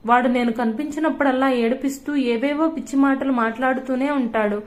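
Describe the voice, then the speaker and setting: Brief: woman reading as a frightened schoolgirl, tearful and pleading, slightly high voice. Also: fairly even intonation, brisk, lightly acted. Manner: pleading, sobbing.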